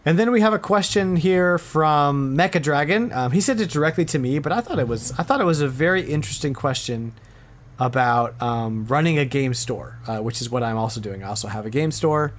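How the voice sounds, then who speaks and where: Brisk and animated, this podcast host speaks in a fairly high voice during a laid-back conversation. He is informal and forceful, going over the same point more than once to hammer it home.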